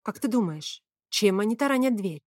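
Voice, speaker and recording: A woman reading aloud, voicing a calm young man who asks thoughtful questions, in a dry close recording. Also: sits high, moderate pace, dry recording. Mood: curious.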